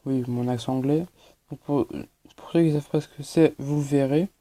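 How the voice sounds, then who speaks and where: A man's voice: mid-range voice, steady tone, normal speed, warm tone. A man giving hesitant, explanatory gameplay commentary as a channel host, with many fillers.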